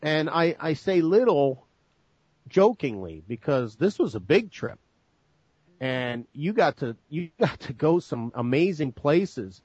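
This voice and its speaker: A man's voice: on the high side, big pitch swings, slow, a little mellow, husky, no echo, dull audio. A man hosting a talk show, asking long, rambling questions and correcting himself as he goes. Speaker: host. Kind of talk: casual interview talk.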